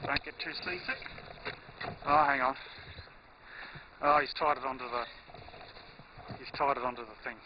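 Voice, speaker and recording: An Australian amateur television operator presents from a portable station in a park, giving a casual, unscripted walkthrough of his equipment. His mid-range voice stays steady at a normal speed, but he pauses often, with a hesitant, colloquial, laid-back delivery. The transmission audio is muffled and noisy.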